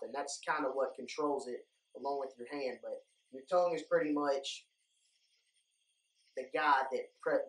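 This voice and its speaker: Young guy teaching stuff in a laid-out casual how-to way, plain talker, roomy echo, bit far from the mic. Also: medium pitch. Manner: informal, plain-spoken, addressing viewers as guys. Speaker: duck calling instructor, video host. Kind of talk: casual instructional talk to viewers. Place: indoor room lined with duck decoys. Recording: echoey room, distant microphone.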